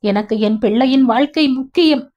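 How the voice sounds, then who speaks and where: A woman's voice: high-pitched, moderate pace, a little mellow. A woman voicing a stern middle-aged father who speaks harshly and commandingly. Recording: dull lo-fi recording.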